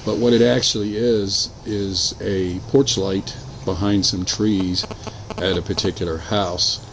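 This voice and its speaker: A man casually narrating his own photos in a measured, matter-of-fact way, without a script. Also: deep voice. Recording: clearly noisy home recording, steady hum.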